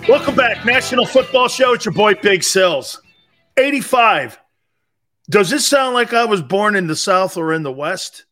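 A man's voice: sits high, animated, moderate pace, bright, forceful tone, faint music behind. A man from Connecticut hosting a sports talk show, talking bluntly and directly to his viewers in a casual way. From Connecticut, USA.

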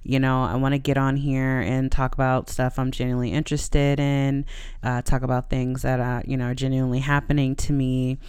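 Very clear, dry-sounding casual solo podcast host. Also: medium pitch, flat delivery, brisk, a little mellow, no room sound. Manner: conversational, laughs easily while talking.

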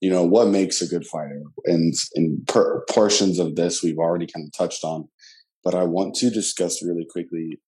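A man co-hosting a podcast, speaking in a quick, casual way. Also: deep voice, steady tone, mellow, poor audio. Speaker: podcast co-host. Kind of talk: podcast conversation.

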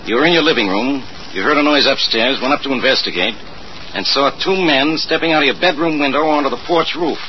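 An actor playing a methodical, self-important police inspector in 1940s radio drama style, questioning in an official, deliberate way. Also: male voice, mid-range voice, lightly acted. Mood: businesslike. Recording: muffled old radio recording, faint noise.

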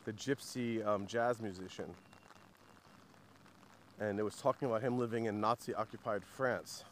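A man's voice: lowish voice, fairly even intonation, moderate pace, a little hiss or hum. A man hosting a casual podcast chat, sarcastic and joking, with many fillers. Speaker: podcast host.

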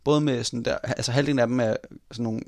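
A man in casual chat telling a personal story in an animated way, swearing casually. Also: mid-range voice, dry recording.

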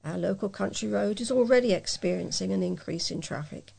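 A woman reading local news stories aloud in a plain, even delivery as a volunteer reader. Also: medium pitch, a little fast, vocal fry, slightly rough.

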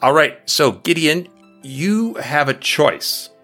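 A man's voice: a little high, expressive, takes it slowly, fairly bright tone, faint music behind. A man running a tabletop game as game master, describing the action and patiently explaining rules, laughing often.

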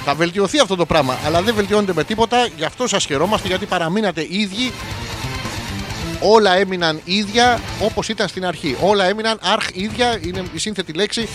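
A man's voice: high-pitched, music in the background. A man hosting a radio show, reading horoscopes as a crude, rambling comic monologue full of wordplay.

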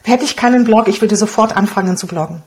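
A Romanian woman in her forties whose native language is Hungarian chats casually in an interview, speaking as a guest blogger and copywriter. She's lively and cheeky and laughs often, talking fast in a mid-range voice.

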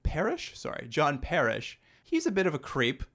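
A man's voice: high voice, wildly swooping pitch, brisk, fairly bright tone, husky. A man hosting a casual podcast chat about an old movie, laughing often between his points. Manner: laughs often, mimics characters in quotes. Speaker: podcast host.

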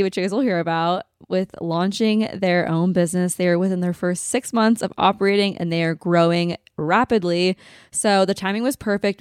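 A woman's voice: mid-range voice, darkish tone, smooth, no room sound. Woman, podcast co-host, casual chat, bubbly, dry close sound. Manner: bubbly, peppered with "like".

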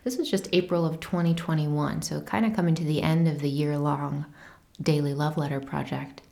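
A woman hosting a podcast alone, speaking casually and reflectively in a tender, earnest way with thoughtful pauses. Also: low voice, steady tone, creaky, darkish tone. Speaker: podcast host. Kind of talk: reflective casual solo talk, with a short letter read aloud. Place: small unfinished home creative studio.

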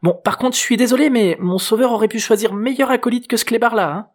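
A brash teenage girl of fifteen, put on by a male narrator in an audiobook, her voice pitched very high and pushed loud. She talks in quick slang and swears freely. Defiant and cheeky toward adults. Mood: excited, defiant. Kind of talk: audiobook character voice.

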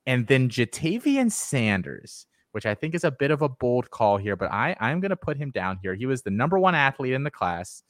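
A man's voice: medium pitch, big pitch swings, normal speed, few pauses, no room sound, clean studio sound. A man hosting a podcast, confidently giving his picks in a casual sports analysis chat. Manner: confident, gives firm picks and advice. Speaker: podcast host.

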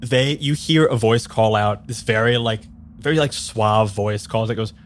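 A man with a fairly low voice runs a tabletop game, describing the scene loosely with many fillers. A faint hiss lies behind him. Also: moderate pace. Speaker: game master.

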